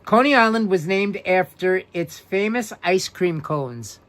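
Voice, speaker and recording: A man with a New York accent hosting a casual live-stream, reading trivia questions aloud and answering viewers by name in a chatty, relaxed way. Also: high-pitched, measured pace. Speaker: livestream host.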